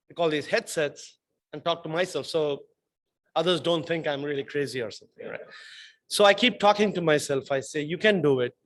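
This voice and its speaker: A man giving an earnest impromptu speech about a personal story, with halting restarts. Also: fairly high pitch.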